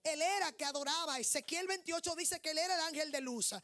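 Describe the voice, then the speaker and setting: A woman preacher with a high-pitched voice giving a fervent, declamatory sermon, often raising her voice to a shout. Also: a little fast.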